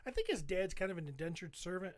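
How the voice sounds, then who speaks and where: Rambling, cursing podcast host, high voice. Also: male voice, animated, quick pace, dry recording. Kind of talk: casual chat, telling a trip story over photos.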